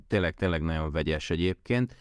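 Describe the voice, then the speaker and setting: With a rumbling low, animated and smooth voice, this Hungarian man, a tech worker now living abroad, talks casually as a podcast guest. He frequently rewords things and circles back partway through sentences. The studio-quality recording has no room sound.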